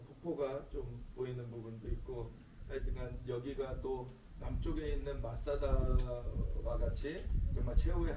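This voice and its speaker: A man leading prayer and preaching outdoors at a lookout, speaking with fervent, rising proclamation. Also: medium pitch. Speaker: prayer trip leader. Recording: echoey, distant, noisy outdoor video.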